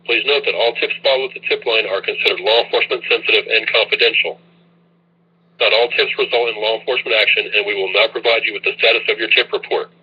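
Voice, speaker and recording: A man's voice on a recorded automated phone menu, reading formal, scripted prompts in an even, instructional way. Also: lowish voice. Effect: recorded automated phone menu message. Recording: tinny phone line, husky.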